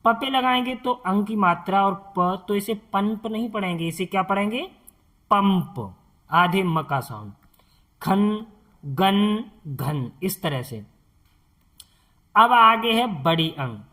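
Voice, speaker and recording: A man teaching a slow, step-by-step lesson as a Hindi tutor. He speaks patiently, repeats each sound and quizzes the viewer on it. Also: sits high, lively intonation, pushed and bright.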